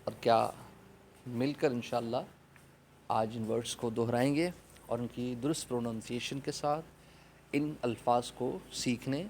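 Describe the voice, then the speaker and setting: A man with a Pakistani accent teaching an online English class to children, saying each vocabulary word loudly and repeating it for them to copy. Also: mid-range voice, steady tone, long pauses, slight background noise. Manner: opens with an Arabic prayer, then explains in Urdu.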